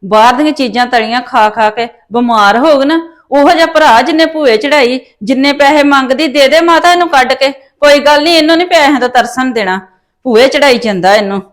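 A woman's voice: high-pitched, brisk. A woman with a Punjabi accent playing a nagging, scolding mother in a family drama. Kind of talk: rural family drama acting.

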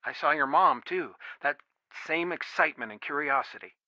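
A video game actor portrays a protective, worried middle-aged father making an earnest, pleading phone call, only his side heard. His bright, forceful voice runs on the high side, expressive at a normal pace; the mood is tender and wistful, the dialogue naturalistic. It's a dry recording with a band-limited, phone-like filter.

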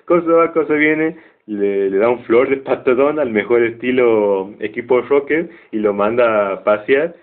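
Brief: male cartoon reviewer, chatty and joking, average pitch, thin phone-like audio. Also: a little slow. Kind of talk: casual retelling of a cartoon. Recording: tinny phone-like sound.

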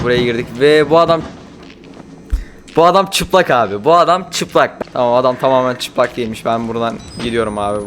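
A man giving live commentary while playing a horror game, jumpy and panicky, often yelling and swearing. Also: a little high, noisy background.

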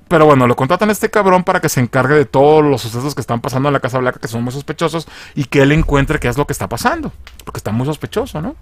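A man giving a slangy, animated recap of a TV episode, acting out the lines in different voices. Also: medium pitch, dry recording. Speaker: video reviewer.

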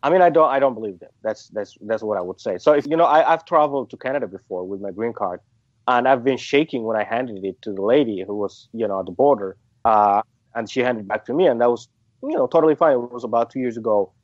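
A man's voice: mid-range voice, quick pace, no echo, dull audio. A man from Somalia speaking in an interview, hesitant, with many restarts and fillers. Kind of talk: phone interview.

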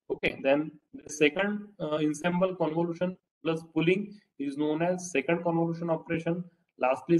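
A man's voice: a little high, darkish tone, low-quality recording. A man with an Indian English accent giving a recorded lecture, explaining step by step with frequent "okay" and "uh" fillers.

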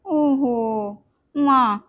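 A woman's voice: sits high, very slow, narrow, tinny audio. A woman, playing a scheming daughter-in-law who scolds and wheedles in a village family drama. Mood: wheedling. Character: sharp-tongued scheming young daughter-in-law.

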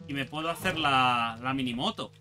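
A young man with a Spain Spanish accent giving excitable let's play commentary, talking to himself and the game and swearing casually. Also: medium pitch, moderate pace, music in the background. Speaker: gaming channel host.

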